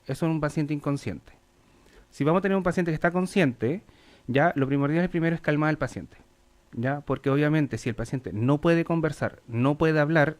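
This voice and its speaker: A man's voice: on the high side, clean tone. A man, a paramedic explaining first aid on radio, practical, checking in often with the listener. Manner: practical, repeats "¿ya?" to check understanding. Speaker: paramedic guest.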